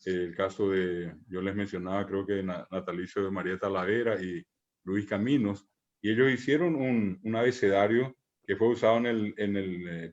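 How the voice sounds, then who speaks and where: Patient teacher, muffled call audio. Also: male voice, lowish voice, darkish tone. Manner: patient, repeats examples, many "eh" fillers and "¿verdad?". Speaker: Guaraní language teacher. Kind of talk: explanatory online class.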